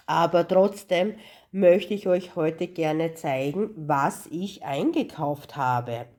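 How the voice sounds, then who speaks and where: A woman hosting her cross-stitch channel, hoarse and husky from a cold, chatting casually through a craft unboxing. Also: lowish voice, darkish tone. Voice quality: husky, congested.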